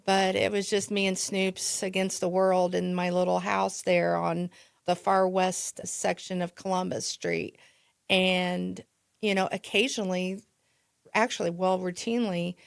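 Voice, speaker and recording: A woman's voice: on the low side, vocal fry, no echo, studio quality. A woman with a Midwestern American accent, a podcast guest telling a story in a chatty, casual way. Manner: chatty, with restarts and laughs. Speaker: podcast guest, real estate agent.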